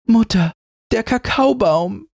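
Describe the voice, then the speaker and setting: A man's voice: on the high side, moderate pace, darkish tone, no echo, studio quality, pitched above the performer's own voice, close to an everyday voice. A man voicing a little girl in a fairy tale audiobook, childlike and exclaiming. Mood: elated. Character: little girl, brave yet easily frightened.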